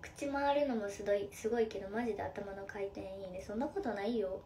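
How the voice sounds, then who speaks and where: A young woman hosting a casual live stream, reading viewer comments aloud. She talks very fast in a playful, cutesy way and refers to herself by her own name. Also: medium pitch, dark tone, slight background noise. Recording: echoey room, slightly distant mic, faint ambience.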